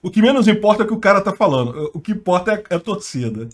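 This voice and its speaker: A man's voice: high voice, sing-song, rapid-fire. A Brazilian man with a slightly raised voice hosts his own channel and runs through the news in loose, casual commentary. He talks in slang and keeps breaking into laughter between his points. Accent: Brazilian Portuguese. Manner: chatty, laughs often, slangy. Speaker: channel host.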